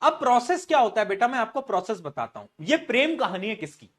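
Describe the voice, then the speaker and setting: A man's voice: very high voice, big pitch swings, quick pace. A man teaching a live online science class, joking with his students and answering his own quiz questions. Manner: playful, joking, quizzing students and answering himself.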